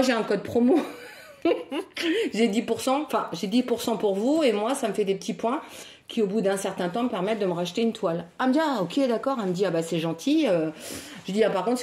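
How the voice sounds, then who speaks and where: A chatty woman from France tells a story straight to camera in a relaxed, conversational vlog style. Her voice sits at an everyday middle pitch, and she acts out each quoted exchange with lively back-and-forth. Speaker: craft vlogger. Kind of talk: casual chat to camera.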